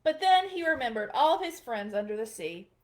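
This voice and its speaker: A woman, a children's librarian, reading a picture book aloud at bedtime in a gentle, expressive storytelling manner. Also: on the high side, a little fast, slight background noise.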